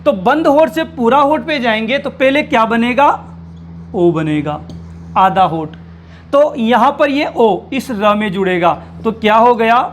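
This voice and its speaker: A man's voice: very high-pitched, lively intonation, a little hiss or hum. A man teaching Hindi grammar to exam students, explaining step by step and asking rhetorical questions as he goes. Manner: slows and stretches words when spelling out sounds. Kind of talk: blackboard lesson for exam students.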